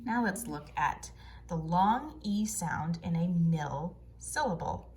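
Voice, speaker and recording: A woman teaching a phonics lesson to children, sounding out letters and words in slow, drawn-out drills. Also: fairly low pitch, lively intonation, darkish tone, a little hiss or hum.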